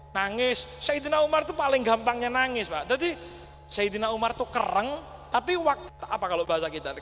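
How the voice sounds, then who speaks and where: Male preacher, high voice, folksy sermon delivery, big reverberant mosque hall. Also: fairly bright tone. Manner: folksy, addresses audience as Pak, mixes Javanese words. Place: large mosque. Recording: long hall reverb, faint hum.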